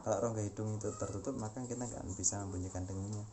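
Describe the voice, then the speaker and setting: A man's voice: lowish voice, fairly even intonation, very fast, very noisy. A man teaching a Quran recitation lesson, explaining patiently and chanting examples several times. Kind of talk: tajwid lesson.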